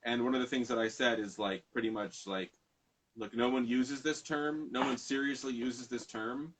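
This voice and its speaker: A man's voice: mid-range voice, steady tone, normal speed, low-quality recording. A man hosting a casual conversation, rambling and often correcting himself mid-sentence. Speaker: podcast host.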